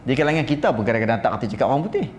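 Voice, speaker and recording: A man with a northern Peninsular Malaysian Malay accent giving a religious lecture, telling stories in an animated way. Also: mid-range voice, racing. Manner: animated storytelling, mimics recitation styles. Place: seminar room. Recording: roomy seminar room, faint ambience.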